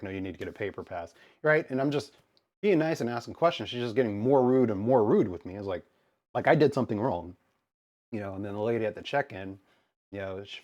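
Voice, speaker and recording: An American man streamer telling a story to his chat in an animated, exasperated way, acting out both sides of the exchange. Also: fairly low pitch. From United States. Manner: animated, exasperated retelling with quoted dialogue.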